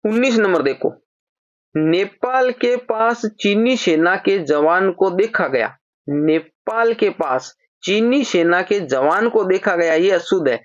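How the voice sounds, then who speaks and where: A teacher gives an exam-prep grammar lesson, patiently explaining and slowly repeating example sentences. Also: mid-range voice, lively intonation, no room sound. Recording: slightly dull, dry lo-fi recording.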